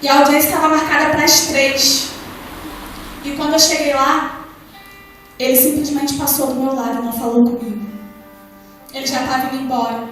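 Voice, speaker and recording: A woman's voice: high voice, a bit bright. A young Brazilian woman with a Brazilian accent preaching her testimony in church, telling her story with passion and quoting her prayers. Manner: impassioned, storytelling with quoted prayers. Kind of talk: testimony sermon. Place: church service hall. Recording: very echoey hall from far off.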